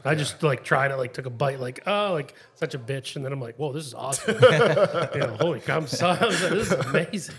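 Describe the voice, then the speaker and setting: A man hosting a podcast, asking relaxed, curious questions in casual conversation. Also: medium pitch, breathy edge. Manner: relaxed, curious, quick to laugh. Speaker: podcast host. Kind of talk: casual interview chat.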